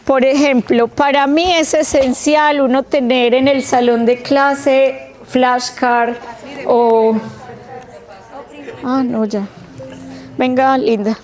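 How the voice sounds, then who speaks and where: A woman teaching a literacy training workshop, explaining slowly and stretching out the sounds of words. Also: sits high, steady tone, darkish tone, a faint crowd. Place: training room.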